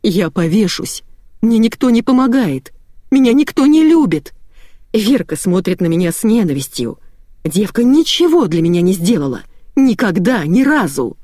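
Woman doing a shrieking hysterical mother, wild swings in pitch, dry close sound. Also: big pitch swings, normal speed, dark tone, no room sound. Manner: shrieking, sobbing outbursts. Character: hysterical middle-aged woman, shrill and vicious.

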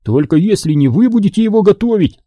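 A man's voice: sits high, expressive, fast talker, no echo, dull audio, voice pushed up. A man voicing a dutiful young male apprentice, reluctant and wry, in an audiobook.

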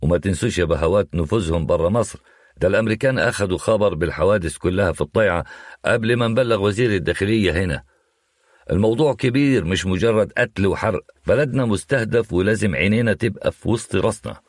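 A man voicing a male police officer with an Egyptian accent who talks fast and agitated, insisting on a conspiracy. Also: sits low, animated, no room sound, studio quality. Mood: tense, insistent.

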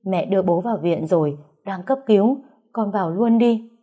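A woman's voice: lowish voice, normal speed, warm tone, husky. A woman reader voicing a frantic middle-aged mother who pleads through tears in a storybook reading. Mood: panicked. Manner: tearful, pleading.

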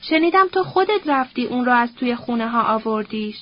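A woman's voice: a little high, animated. A woman voicing a scheming older man who threatens and pleads by turns, on a dull, lo-fi recording. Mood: menacing wheedling.

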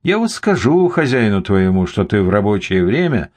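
A man voicing a gruff, lanky village police officer who talks in coarse, bossy slang, as a character in an audiobook. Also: lowish voice, big pitch swings, moderate pace, a little mellow.

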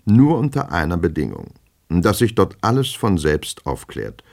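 A man's voice: low voice, huge pitch swings, measured pace, gravelly, a little mellow, exaggerated voice. A man reading an audiobook, voicing a smug, falsely friendly double who mocks with a familiar tone. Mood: teasing. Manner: mocking, mock-familiar.

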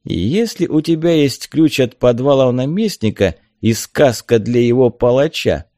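A man's voice: mid-range voice, moderate pace, dark tone, no echo, clean studio sound, close to an everyday voice. A man voicing a short, tough male warrior in a storybook reading, curt and commanding.

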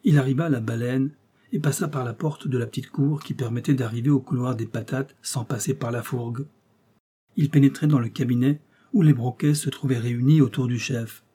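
A man giving steady, measured audiobook narration of a classic novel. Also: mid-range voice, slightly rough.

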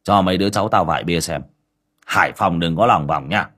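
A man voicing a stingy, hot-tempered old coal porter who shouts, curses and stammers. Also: deep voice, a little fast, husky. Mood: swaggering.

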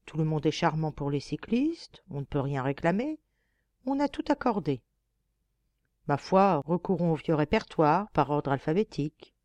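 A woman's voice: low-pitched, expressive, normal speed, a little mellow, no room sound. A woman doing a scheming young reporter. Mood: musing. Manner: musing, then mock foreign-accented.

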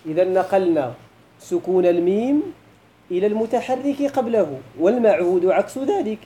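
A middle-aged man with a Moroccan Arabic accent teaches a grammar class, pressing students with questions and slipping into colloquial speech. His high voice is warm and expressive at a moderate pace, in a rough recording.

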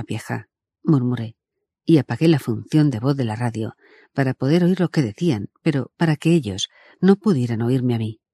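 A male narrator reads a novel aloud in an even, measured way. His voice is dark and mellow with a husky grain. The recording is dry and close, with no room around it. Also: medium pitch, dry recording. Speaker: audiobook narrator. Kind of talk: audiobook narration.

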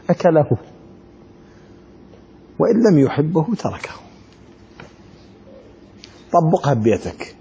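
A man's voice: medium pitch, breathy edge. A man giving a religious law lesson, mixing readings with colloquial, joking asides. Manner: lively, colloquial, joking asides between read-out text. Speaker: religious teacher. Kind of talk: classroom lecture on religious law.

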